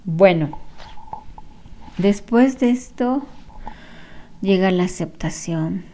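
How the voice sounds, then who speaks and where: A woman talks slowly and steadily, coaching her listeners through heartbreak. Her voice sits at a middle pitch, and she repeats key phrases again and again for emphasis. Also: animated, mellow. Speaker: spiritual healing therapist. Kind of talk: casual advice talk to viewers.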